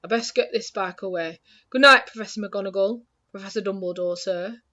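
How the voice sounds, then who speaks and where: A huge, soft-hearted giant of a man booms and frets in a loud, rustic voice, as a woman reader puts him on. This storybook voice sits at a middling pitch. The lo-fi recording sounds dull and muffled. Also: brisk, lightly acted. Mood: tearful. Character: big soft-hearted male giant groundskeeper.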